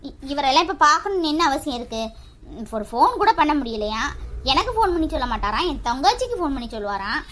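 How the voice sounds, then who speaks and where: A woman's voice: high voice, big pitch swings, fast talker, a bit bright, a little hiss or hum. A woman playing a young bride, indignant. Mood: scolding. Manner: indignant, scolding, sarcastic. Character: young bride, hurt and scolding her husband. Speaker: newly married wife angry at her husband. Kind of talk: family skit dialogue.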